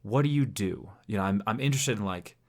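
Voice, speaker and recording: A man with a low, deep voice hosts a casual podcast conversation. He talks in a chatty, self-deprecating way and laughs easily. The recording is a podcast microphone setup. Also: fast talker, darkish tone. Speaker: podcast host and streamer.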